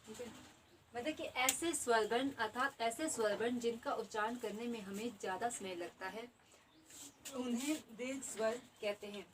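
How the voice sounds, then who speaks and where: A woman's voice: a little high, moderate pace, recorded from a distance, slight background noise, poor audio. A woman teaching an exam-prep grammar lesson, explaining each term twice and repeating definitions.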